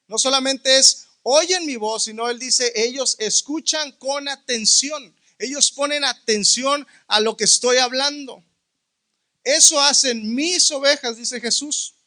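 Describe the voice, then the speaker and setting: A male pastor delivers a sermon at an unhurried pace, his voice pitched high and bright. He teaches by asking the listeners questions and lingering slowly over the words that matter. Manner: asks the listeners rhetorical questions.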